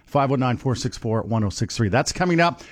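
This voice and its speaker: A man working as a radio DJ, reading station news and ads in a loud, dense, punchy announcer delivery. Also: mid-range voice, animated, brisk. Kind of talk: radio announcer patter and ad reads. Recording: music bed under the voice.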